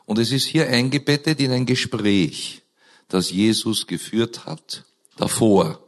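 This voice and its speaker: Opening with prayer and reading scripture into a microphone, a pastor preaches slowly and earnestly with emphatic rises. His voice is mid-range, hoarse and scratchy.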